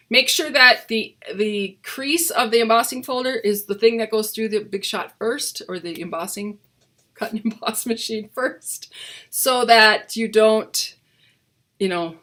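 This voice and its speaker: Bright-voiced, chatty woman, hollow cave-like sound. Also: mid-range voice. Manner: chatty, rambling, enthusiastic. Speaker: crafting host and demonstrator. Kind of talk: casual live craft tutorial.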